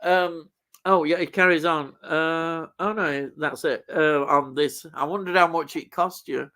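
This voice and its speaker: An older man from Yorkshire with a local accent and a slightly high-pitched voice. He hosts a relaxed chat about film and television, talking with enthusiasm and wandering from thought to thought. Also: unhurried. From Yorkshire, England. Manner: enthusiastic, rambling. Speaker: show host.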